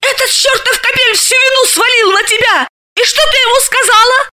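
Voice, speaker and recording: A woman voicing a loud, emotional woman friend who shouts and sobs. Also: very high voice, very animated, a little slow, voice pushed up, exaggerated voice. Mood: indignant. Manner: wailing, shouting, sobbing.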